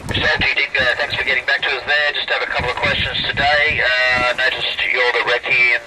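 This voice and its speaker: A man's voice: medium pitch, little pitch movement, brisk. A man working as a border patrol radio operator, speaking through a crackly two-way radio with formal, polite radio procedure. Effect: voice over a crackly two-way radio. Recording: noisy two-way radio transmission.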